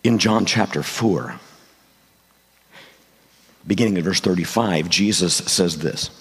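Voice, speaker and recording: An older man delivers a sermon in a low, gravelly voice that is hoarse and worn thin. He phrases things deliberately and carefully. The sound carries the long reverb of a big hall. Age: 60s or older. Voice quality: gravelly, husky. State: hoarse, voice nearly gone. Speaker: guest preacher. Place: large church room, speaking to congregation.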